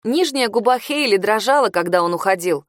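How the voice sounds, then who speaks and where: A woman narrating a first-person novel in a wry, expressive way. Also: medium pitch, fairly quick, no room sound, studio quality. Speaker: audiobook narrator.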